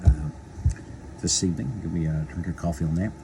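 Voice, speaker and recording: Chewing his food as he talks to the camera, this local video host chats casually, rambling in a folksy manner and repeating phrases often. His voice is low-pitched and creaky, he speaks a little fast, and there's background noise.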